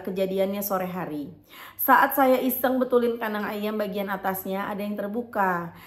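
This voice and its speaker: A woman host reading out a viewer's letter and talking to her audience, expressive and emotional. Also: mid-range voice. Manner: expressive, emotional, lively swings in loudness. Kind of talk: reading a letter, then heartfelt talk to viewers. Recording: roomy, echoey room.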